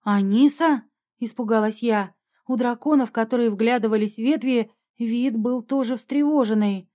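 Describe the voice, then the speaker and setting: A woman narrating a fantasy audiobook in the first person, in an even, measured way. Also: fairly high pitch.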